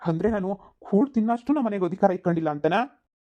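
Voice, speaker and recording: A woman's voice: mid-range voice, animated, fast talker, muffled recording, natural voice. A woman voicing a stubborn, self-pitying old village father-in-law in a cartoon comedy, grumbling and complaining. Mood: indignant. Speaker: cartoon voice actor.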